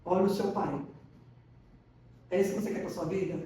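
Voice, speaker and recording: A woman with a fairly low-pitched voice talks briskly as a podcast guest, offering a casual faith testimony and acting out the quoted dialogue in her animated stories. The recording has a little hiss or hum, an echoey room, and a distant mic.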